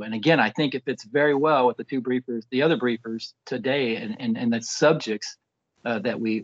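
Man briefing over a muffled video call. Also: mid-range voice. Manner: restarts, tag questions "right?". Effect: heard over a video call. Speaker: Air Force program leader.

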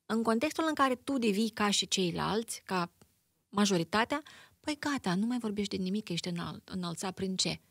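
A woman psychologist, a guest in a conversational interview, explaining in an expressive, animated way and acting out everyday examples. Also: medium pitch, husky, no room sound, studio quality.

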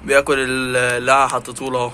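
A man's voice: mid-range voice, completely flat delivery, racing, bright, forceful tone, a little hiss or hum. A man with an Egyptian Arabic accent vlogging casually and teasing and coaxing his pet fox in a playful way.

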